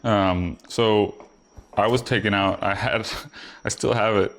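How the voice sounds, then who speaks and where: A man in his forties from Puerto Rico, appearing as a guest and a foiler, speaks slowly in a lowish voice. The conversation is casual, and he's relaxed and rambling, sprinkling in fillers like "you know."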